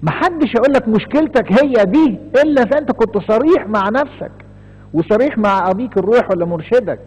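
A husky-voiced Egyptian priest delivers a sermon with a high, lively, rising and falling pitch. He moves from emphatic, pressing lines to soft pleading asides. The sound is dull and carries a long church echo. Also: fast. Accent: Egyptian Arabic. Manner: impassioned, swings from emphatic rises to hushed pleading asides. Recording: dull, echoey church recording.

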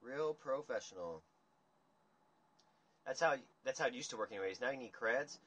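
A young man rambling through a livestream chat, swearing freely and ranting with animated energy. His voice is bright and forceful but husky. It sounds like a phone picking him up in a dim room. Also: mid-range voice, normal speed. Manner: rambling, profane, animated rants. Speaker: livestream host. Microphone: phone camera at table.

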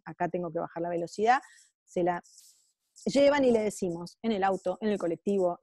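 A woman's voice: mid-range voice, dark tone, no room sound, studio quality. A woman with a Rioplatense Spanish accent giving an online lecture on psychopedagogy, explaining step by step and stressing key phrases.

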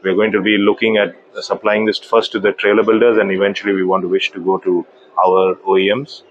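A man in his thirties, a company managing director, giving a trade-show business interview in a measured, hesitant way with many fillers. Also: on the low side, flat delivery, muffled recording, slight background noise. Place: indoor exhibition booth.

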